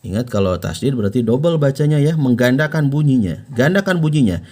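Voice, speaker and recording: An Indonesian man teaching Quran recitation, explaining patiently and slowing down to model each phrase for the listener to repeat. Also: medium pitch, animated, darkish tone. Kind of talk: instructional explanation with slow demonstrations.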